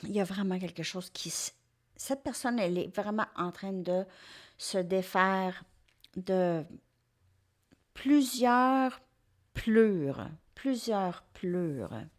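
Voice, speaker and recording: A woman's voice: mid-range voice, slow, pauses often. A woman with a Québécois French accent doing a tarot card reading for viewers, hesitant, with many fillers and restarts. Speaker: tarot reader.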